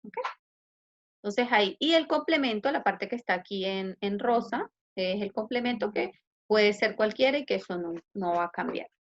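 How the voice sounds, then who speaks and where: A woman's voice: mid-range voice, animated, moderate pace. A woman with a Chilean Spanish accent, an English teacher explaining grammar patiently in an online class and asking students questions. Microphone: video call. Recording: muffled video call audio.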